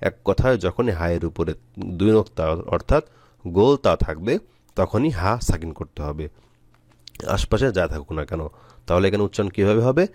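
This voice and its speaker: A man from Bangladesh teaching Quran reading, spelling out letters and vowel marks one by one, then stretching out each recited word slowly. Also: deep voice, expressive, a little mellow, no echo. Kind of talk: step-by-step recitation lesson.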